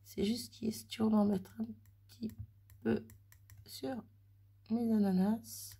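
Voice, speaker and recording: Slow and fairly even, her voice sits on the high side, warm but creaky and husky. The woman chats casually through a mixed-media craft demonstration in her home craft room, thinking aloud while working and poking fun at herself, as an oven runs in the background.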